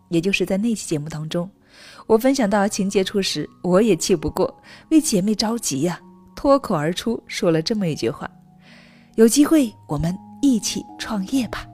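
A woman hosting a scripted radio talk show, speaking directly to her female listeners and stretching out soft particles at the ends of phrases. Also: mid-range voice. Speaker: radio host.

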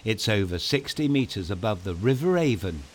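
The host of a children's bedtime podcast tells a scripted story in a playful, theatrical way, talking straight to young listeners. His fairly low voice is animated and moves at a normal speed. Music plays behind him along with slight background noise.

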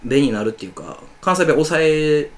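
A man with an Osaka Kansai accent, co-hosting a casual radio-style chat and telling stories in a quick, animated way. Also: on the high side. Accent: Osaka Kansai dialect. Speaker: co-host.

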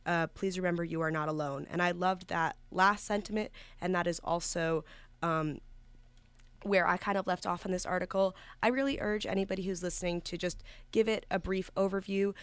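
A woman's voice: on the low side, fairly even intonation, a little fast, clean tone, no room sound. A young woman from New York, a student guest talking earnestly in a casual interview, with many fillers and restarts. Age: young adult.

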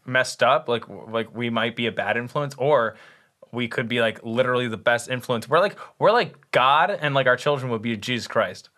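Casual: young dude co-hosting a podcast, bright voice, keeps second-guessing himself. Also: male voice, mid-range voice, normal speed. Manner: rambling, self-correcting, playful. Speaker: podcast co-host. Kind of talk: casual chat.

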